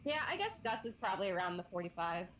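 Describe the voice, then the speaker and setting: A woman's voice: mid-range voice, very animated, quick pace, fairly bright tone, a little hiss or hum. A woman chatting casually with a friend during a gaming stream, teasing and laughing easily. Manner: giggly, teasing. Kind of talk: casual chat while gaming.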